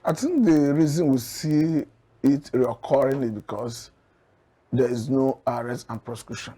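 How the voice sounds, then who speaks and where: A man with a Nigerian accent appears as a guest analyst, offering current affairs commentary in a mid-range, mellow, husky voice. He argues his points in a measured, earnest way.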